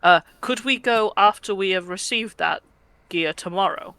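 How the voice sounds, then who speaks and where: A woman playing a tabletop role-playing game, speaking casually in a measured, playful way. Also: medium pitch, pushed and bright, dry recording. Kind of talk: casual in-character play and table chat.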